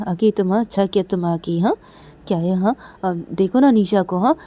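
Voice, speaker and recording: A woman doing a loud, eager, fussing mother. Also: medium pitch, normal speed, natural voice. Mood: chattering. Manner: loud, eager, stammering with "haan". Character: excited middle-aged mother, talkative and fussing.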